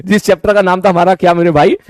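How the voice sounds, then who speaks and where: A young man teaching a physics class, his voice pitched high for a man. He is chatty and joking, calls his students brother, and keeps repeating key phrases and answering his own questions. The sound is dry and close. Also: little pitch movement, fast talker, no echo. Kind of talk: casual online class lecture.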